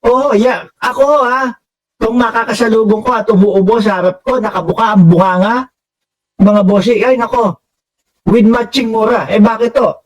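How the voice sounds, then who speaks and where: A Filipino man gives casual political commentary, reading viewer comments aloud and poking fun with frequent laughter. His voice sits high for a man. He is a little distant from the mic, so the sound is slightly roomy. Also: fairly even intonation, moderate pace, lo-fi sound. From Philippines. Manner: mocking, laughs often, addresses viewers as bossing.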